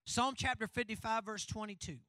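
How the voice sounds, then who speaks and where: Male pastor with a very high, piercing voice, preaching in a church. Call-and-response delivery that builds to fervent shouting, close and dry. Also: brisk, no echo, poor audio. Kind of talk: sermon. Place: church sanctuary.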